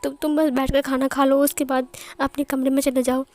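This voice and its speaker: A woman's voice: high voice, flat delivery, a little fast, darkish tone. A woman voicing a frightened young man who stammers and pleads frantically. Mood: panicky. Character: scared young man, whiny and panicky.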